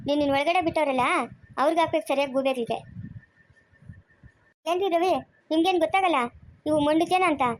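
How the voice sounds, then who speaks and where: A woman acting a stern, sharp-tongued lady of the house who refuses to hand over the baby, with a Chikkaballapur Kannada accent, in an amateur family drama. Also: high voice, steady tone, a little fast, long pauses, slight background noise, lightly acted. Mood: scolding. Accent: Kannada of Chikkaballapur area. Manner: scolding, commanding, sharp-tongued.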